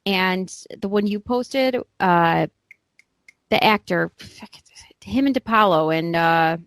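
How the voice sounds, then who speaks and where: A woman's voice: medium pitch, slow pace, no echo. A woman co-hosting a casual podcast discussion, emphatic and opinionated. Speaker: podcast co-host.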